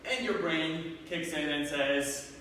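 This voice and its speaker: A man's voice: a little high, slow pace, pushed and bright, slight background noise. A man from Romania giving a live motivational seminar talk, engaging the audience with questions. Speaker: motivational speaker. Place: large hall with audience. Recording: echoey hall, from far off.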